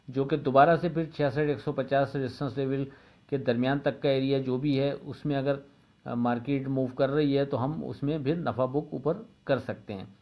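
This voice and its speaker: A man's voice: medium pitch, dull audio. Methodical male market analyst with Pakistani accent. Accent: Pakistani Urdu. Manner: steady, methodical, repeats figures and levels, frequent "uh" fillers. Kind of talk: daily market forecast commentary.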